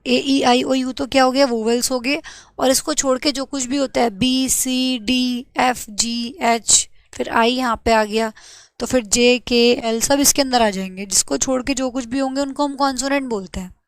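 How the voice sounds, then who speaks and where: A young woman teaching an English grammar lesson to exam students, asking and answering her own questions and spelling out letters slowly. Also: high voice, fairly even intonation, clean tone, dry recording.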